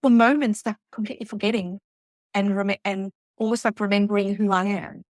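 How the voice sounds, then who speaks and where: A middle-aged woman from South Africa, a guest telling her story in an earnest, reflective way, halting at times. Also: mid-range voice, steady tone, no echo, studio quality. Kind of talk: emotional personal interview.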